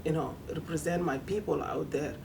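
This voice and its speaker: A woman's voice: moderate pace, vocal fry. A woman speaking in a heartfelt way, repeating her phrases, in a documentary interview. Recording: distant mic with audible rumble.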